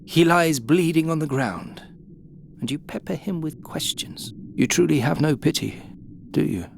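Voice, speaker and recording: A woman voicing a sly demonic talking staff in a fantasy video game, theatrical and mock-servile, with a gravelly creak. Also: low-pitched, unhurried, a little hiss or hum. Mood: reproachful. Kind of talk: video game character acting. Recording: game ambience behind the voice.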